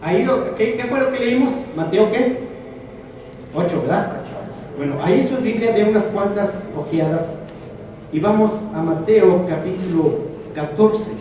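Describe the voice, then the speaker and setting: A man preaching a sermon to a congregation, animated, swinging between loud and soft. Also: sits high, unhurried, long pauses, slight background noise. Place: church hall with congregation. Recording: echoey hall, from far off. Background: congregation answering.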